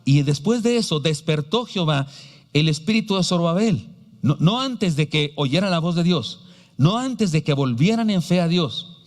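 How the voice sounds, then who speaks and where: Man, Mexican accent, pastor's sermon, fairly high voice, long echo of a church hall. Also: lively intonation, moderate pace. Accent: Mexican Spanish. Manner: storytelling, asks the congregation questions. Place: church sanctuary.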